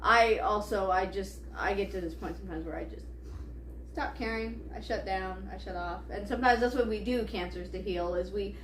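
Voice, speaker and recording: A woman's voice: medium pitch, normal speed. A woman co-hosting a casual chat podcast, swearing freely and laughing through her stories. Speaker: podcast co-host. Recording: echoey room with faint hiss.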